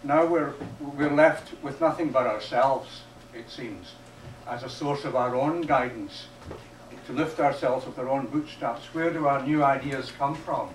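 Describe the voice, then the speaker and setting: A man's voice: mid-range voice, a little slow. A man with a Scottish accent asking a thoughtful question from the audience at a public talk. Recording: roomy hall sound from a distance, faint noise.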